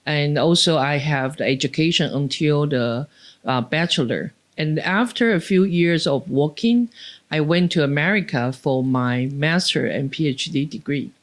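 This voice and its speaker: A woman from Taiwan speaking English with a Taiwanese accent, answering interview questions haltingly and with frequent restarts. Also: sits low. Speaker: professor, podcast guest.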